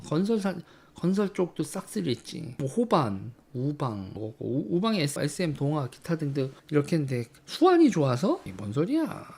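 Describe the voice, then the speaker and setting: A man's voice: a little high, vocal fry, darkish tone. A man giving casual, blunt political commentary to his viewers. He swears in sudden heated bursts and thinks aloud while looking things up on screen.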